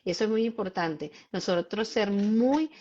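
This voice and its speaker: A woman speaking at an ordinary middle pitch, hosting a live stream as a child behavior specialist. She explains emphatically and keeps turning to concrete examples for parents. The stream audio sounds slightly dull and lo-fi. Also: measured pace, warm tone.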